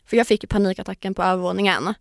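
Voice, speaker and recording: A woman's voice: mid-range voice, fairly even intonation, gravelly, no room sound, soft background music. A young woman chatting on a podcast as a guest, animatedly telling a story, acting out quotes and swearing casually. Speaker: podcast guest, former reality show contestant.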